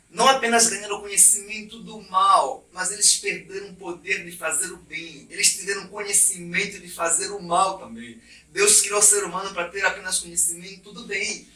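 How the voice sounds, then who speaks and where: A male pastor from Brazil preaching an impassioned sermon, swinging from quiet to loud. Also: sits high, distant mic. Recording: echoey church heard from off mic.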